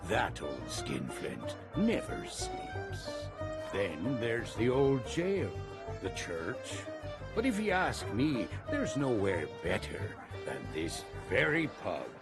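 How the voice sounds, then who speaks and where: A man's voice: on the low side, heavily acted. A man voicing a weathered, chatty pirate lounging in a tavern in a video game, telling tales in a drawling storyteller's manner. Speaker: non-player character. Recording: game audio with music bed. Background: game music.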